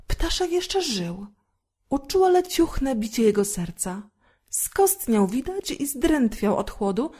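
A woman reads a fairy tale aloud in a gentle, expressive storytelling manner. Her voice is mellow and dark-toned, sitting at an ordinary pitch.

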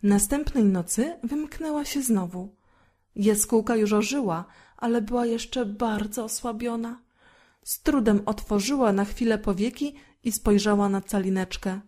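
A woman reading a fairy tale aloud as a storyteller, gentle and expressive. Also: medium pitch, a little slow.

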